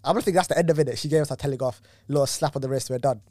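A young man telling a work story in casual chat, animated and ranting, full of slang and swearing. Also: medium pitch, very fast, no echo, clean studio sound.

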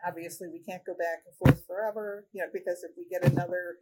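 A woman who directs a regional office of a state agency, answering interview questions in a measured way with many fillers. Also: on the low side, steady tone, heavy background noise. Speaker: regional director of a state human rights agency, podcast guest.

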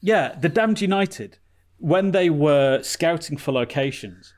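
A British man with a slightly higher-than-usual voice, chatting casually on a podcast. He tells anecdotes in a wry, sweary way. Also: lively intonation, slow. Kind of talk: casual chat.

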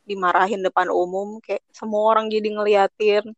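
A woman co-hosting a podcast in a casual chat, talking in a blunt, slangy, animated way. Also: mid-range voice, moderate pace, dry recording. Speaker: podcast co-host.

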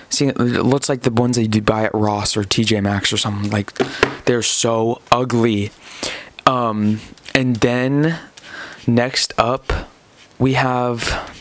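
Casting: male podcast host, casual commentary with read-out items, medium pitch, close dry recording. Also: no room sound. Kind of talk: casual podcast commentary, partly reading from lists and articles.

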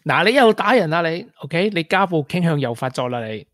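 In a radio drama, an actor with a Hong Kong Cantonese accent plays a caring, playful, persistent young man wooing a grieving colleague, coaxing her in colloquial speech dotted with English interjections. His voice is a little high and a bit bright, with lively intonation and a slightly fast pace, sounding tender and teasing. The recording is studio quality with no echo.

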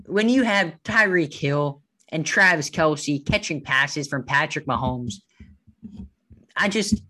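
A man's voice: on the high side, lively intonation, slow, bright, forceful tone. A man co-hosting a casual sports podcast, joking around, making puns and teasing his co-host. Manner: playful, jokey, punning, teasing.

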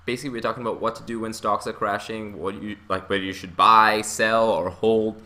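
A man's voice: on the low side, little pitch movement, brisk, pushed and bright. A young man hosting a casual investing podcast, rambling and chuckling often as he talks. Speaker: podcast host.

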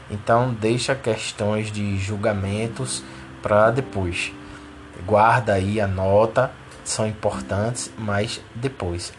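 A man's voice: mid-range voice, a little hiss or hum. A man explaining a lesson step by step, repeating key words and checking in with the listener. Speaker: teacher of a spiritual course. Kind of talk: didactic explanation.

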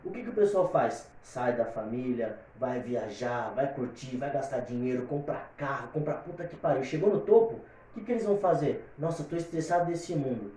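A man's voice: medium pitch, expressive, normal speed, hardly any pauses, warm tone, slight background noise. A man from São chatting casually as a podcast guest, giving opinions in a rambling way full of repeated fillers. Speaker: guest singer. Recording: very echoey room, distant mic.

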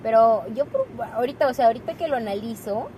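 A woman's voice: on the high side, fast talker, noisy background. A young woman, chatting casually with a friend, laughing often and swearing freely as she tells stories. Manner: laughing, slangy, swears freely, lively storytelling. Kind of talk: casual chat between friends.

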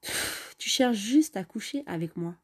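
A woman's voice: mid-range voice, animated, unhurried, slightly rough. A woman voicing a young female newcomer to the city, guarded and easily exasperated, in a raised, tense voice. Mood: irritated.

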